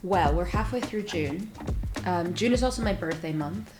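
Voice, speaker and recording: An American woman in her thirties tells stories in a loose interview chat, her voice sitting a little low. She acts out her own reactions with plenty of fillers. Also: expressive, normal speed, music in the background. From Silicon Valley, California, USA. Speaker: startup founder, guest.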